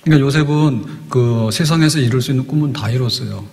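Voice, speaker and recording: An older pastor delivers a sermon from a church pulpit into a podium microphone, his voice trailing long hall reverb. Like a storyteller, he explains step by step and often poses rhetorical questions. His middle-range male voice is fast, gravelly and a little mellow.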